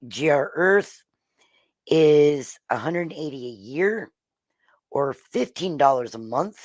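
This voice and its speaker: A slightly hoarse host casually explaining weather radar on a livestream, halting with frequent ums and throat clearing. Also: mid-range voice, lively intonation, no room sound.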